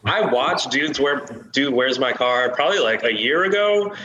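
A man's voice: medium pitch, animated, moderate pace, muffled recording, crowd noise. A young man co-hosting a casual podcast with slangy frat-bro banter. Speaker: podcast co-host steering topics. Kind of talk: casual group podcast chat. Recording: roomy, echoey room sound.

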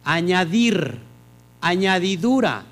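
A man leads a scripture study in a high voice. He keeps asking his listeners questions and answers them himself in a teacherly rhythm. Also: animated, takes it slowly. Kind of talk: Torah study teaching to a small group.

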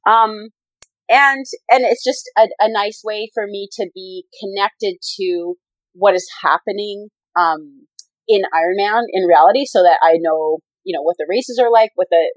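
A woman's voice: lowish voice, no echo, low-quality recording. A woman in her forties, a professional athlete and coach, talking casually in an interview, rambling with many fillers and restarts. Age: 40s.

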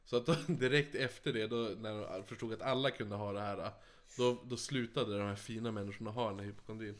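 A man's voice: on the low side, steady tone. A man co-hosting a podcast, mostly responding and prompting stories. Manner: encouraging listener, quick interjections. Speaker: podcast co-host. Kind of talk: casual chat.

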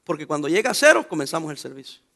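A man's voice: fairly high pitch, very animated, rapid-fire, creaky, sharp tone. An older man with a Mexican Spanish accent, a pastor preaching a sermon and throwing rhetorical questions at his congregation.

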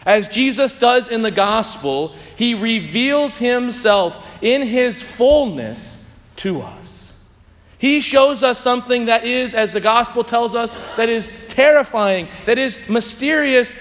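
Brief: high-voiced male priest, slow and solemn homily, cathedral echo trailing every phrase. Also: a bit bright. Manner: measured, solemn preaching with long pauses. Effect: cathedral echo, long church reverb. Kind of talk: gospel reading and homily at Mass. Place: large church. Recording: long reverb from a large church.

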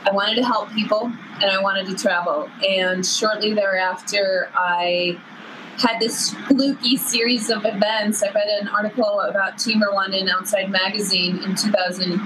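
A woman's voice: mid-range voice, steady tone, moderate pace, noisy background. A woman in her fifties telling personal stories in a conversational way as an interview guest. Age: 50s. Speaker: guest, cycling team staff.

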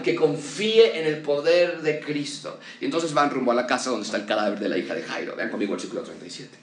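A man's voice: medium pitch, distant mic, slight background noise. Emphatic preacher man in echoey room. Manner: emphatic, rhetorical questions, varied pace. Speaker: pastor. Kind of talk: expository sermon.

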